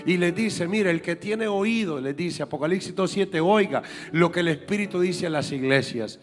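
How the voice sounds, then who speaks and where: High-voiced emphatic male preacher. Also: moderate pace, long reverb tail, faint music behind. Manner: emphatic, repeats key points for the congregation. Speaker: apostle and preacher. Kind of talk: sermon. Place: church sanctuary.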